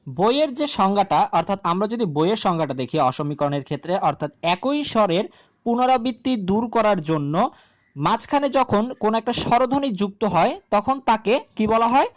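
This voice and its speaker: Give me a woman teacher explaining grammar slowly, repeating terms for viewers. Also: medium pitch, lively intonation. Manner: slow, repetitive explaining with questions to viewers. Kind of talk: grammar lesson.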